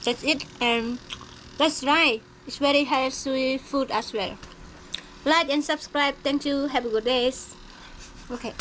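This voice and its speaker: Young cambodian woman, khmer accent, broken english vlog chat, high voice, slow talk, a bit of faint noise behind. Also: steady tone, fairly bright tone, low-quality recording. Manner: simple broken English, friendly address to viewers. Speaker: village life vlogger. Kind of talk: casual cooking vlog.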